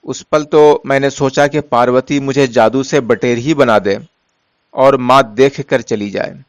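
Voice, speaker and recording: A man narrating a story in a measured, steady way, softening his voice for quoted lines. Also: mid-range voice, dry recording.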